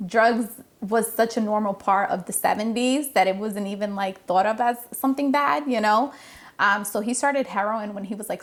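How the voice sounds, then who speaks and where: A woman's voice: medium pitch, fairly bright tone. A woman, openly and earnestly telling her life story as a podcast guest. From Providence, Rhode Island. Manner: open, earnest, reflective. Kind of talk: casual personal storytelling.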